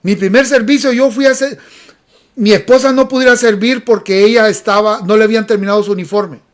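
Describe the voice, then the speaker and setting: A man preaching in a church, with an unusually high voice. He tells stories with emphasis and keeps repeating key phrases. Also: steady tone, a little fast. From Honduras. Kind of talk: sermon. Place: church sanctuary.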